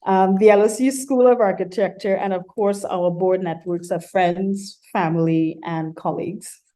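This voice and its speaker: Using a computer microphone, a woman from Trinidad and Tobago who teaches architecture gives a welcome address at an online colloquium. She's measured but says um and uh often, in a medium-pitched, mellow voice with fairly even intonation.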